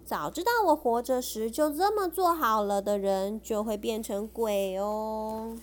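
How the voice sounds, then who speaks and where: High-voiced woman reading a storybook. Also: measured pace, slight background noise. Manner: playful, acts out characters with voices. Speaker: parent reading a picture book aloud. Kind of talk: storybook read-aloud to a child.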